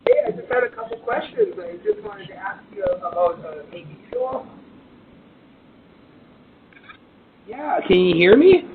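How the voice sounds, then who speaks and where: Through a tinny doorbell speaker with clear noise behind it, a man talks in an insistent, halting way. He repeats himself, and his pitch swings up and down noticeably as he speaks at the front door. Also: big pitch swings. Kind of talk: talking through a doorbell intercom. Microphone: doorbell camera microphone. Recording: tinny noisy doorbell camera audio.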